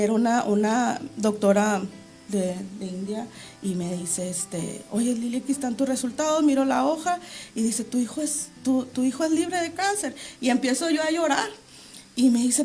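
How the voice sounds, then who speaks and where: On an interview show, a guest who sounds middle-aged recounts her religious testimony with great fervor, voicing aloud the pleas she made to God. Her voice is high, with a darkish tone.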